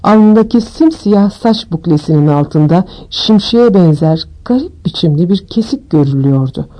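A woman narrating an audiobook with steady, expressive storytelling. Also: on the low side, normal speed, rough recording.

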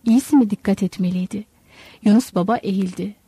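Mellow woman reading a novel aloud. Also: medium pitch, quick pace, slightly rough, no room sound. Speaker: audiobook narrator. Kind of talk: scripted literary narration.

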